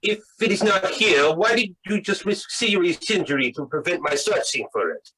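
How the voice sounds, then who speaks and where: Radio noir schemer, played by a man: polite, nervous, insistent, stammering, bright husky tone. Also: high voice, animated, full character voice, rough recording. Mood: nervous, courteous. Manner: halting, stammering, formal and courteous. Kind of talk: 1940s radio drama read-through. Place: video call read-through.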